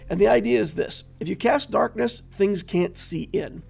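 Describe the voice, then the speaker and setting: High-pitched, heavily gravelly man. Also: normal speed, faint music behind. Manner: relaxed and conversational with frequent fillers. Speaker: tabletop game build creator. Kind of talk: casual explanatory walkthrough.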